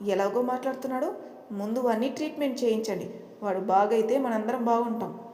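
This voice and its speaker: A woman's voice: on the high side, brisk, dark tone, natural voice. Woman voicing a grumpy, confused young husband. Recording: roomy echo.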